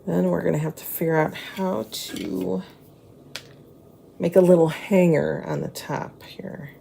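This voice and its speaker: Hosting a casual craft tutorial, a woman chats to viewers and mutters to herself and the materials as she works, her s sounds slurred and slushy. Her voice is fairly low, fairly even and unhurried, with vocal fry and a dark tone over slight background noise.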